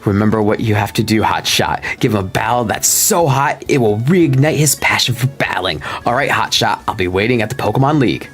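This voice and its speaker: A man's voice: fairly low pitch, expressive, a little fast, hardly any pauses, fairly bright tone, faint music behind. A man voicing a laid-back, friendly young male fire-type trainer from a video game, reading the game's dialogue aloud.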